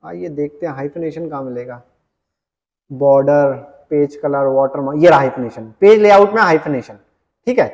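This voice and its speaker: A man teaching an exam-prep computer lesson, reading English questions slowly and explaining them in casual Hindi. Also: fairly high pitch, a little mellow, highs cut off. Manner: often adds "ठीक है" as a check-in.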